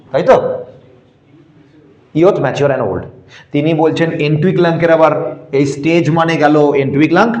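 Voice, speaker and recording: A man's voice: fairly high pitch, mellow, dull audio. A man teaching a geography class, spelling out terms letter by letter and drilling the students. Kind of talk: classroom lecture. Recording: echoey room.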